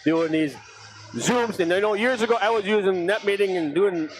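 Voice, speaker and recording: A middle-aged man calling live hockey play-by-play, with excitable calls that jump high on big saves. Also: normal speed. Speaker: play-by-play announcer. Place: ice arena broadcast booth. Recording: noisy arena stream.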